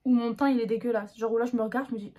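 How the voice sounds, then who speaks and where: A woman's voice: fairly high pitch, steady tone, racing, warm tone. A young woman chatting casually through a makeup tutorial, slangy and self-mocking. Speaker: beauty vlogger.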